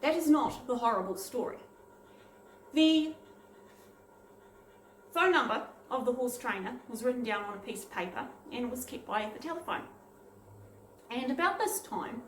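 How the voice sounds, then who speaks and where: A woman's voice: on the high side, recorded from a distance. A woman telling a funny childhood story in a self-mocking way. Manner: lively, self-mocking, lightly amused. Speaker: vlogger. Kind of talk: personal anecdote storytelling. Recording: roomy echo, off-mic, faint noise.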